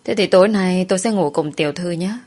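A woman voicing a loyal, timid young palace maid who speaks gently and deferentially. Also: on the low side, quick pace, lightly acted. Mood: gentle.

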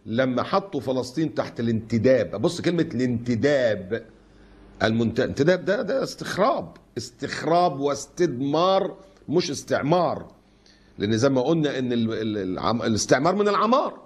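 Fast, husky Egyptian preacher. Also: male voice, mid-range voice, animated. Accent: Egyptian Arabic. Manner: scolding, mocking, rhetorical questions. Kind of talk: colloquial sermon.

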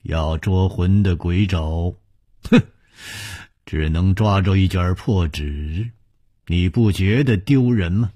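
A man voicing a calm, witty young male swordsman with a soft, husky, composed voice. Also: low-pitched, slow, no echo, full character voice. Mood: teasing.

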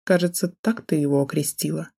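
A sneering, drunk and jealous man with a gun, as a woman reader puts him on, spitting mocking threats in a dark, husky voice. His tone is cold and menacing, the voice of an audiobook villain. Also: deep voice, steady tone, fairly quick, full character voice.

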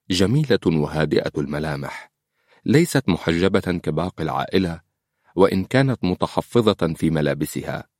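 A man with an Egyptian accent narrating an audiobook in a measured storytelling manner. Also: deep voice, darkish tone, dry recording, studio quality. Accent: Egyptian Arabic.

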